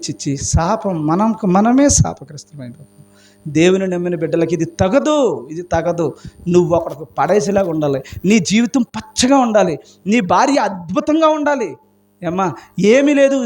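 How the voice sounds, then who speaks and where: A man's voice: sits high, a little mellow. A male pastor preaching a sermon with passion, asking his congregation question after question. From India. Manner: impassioned preaching with rhetorical questions.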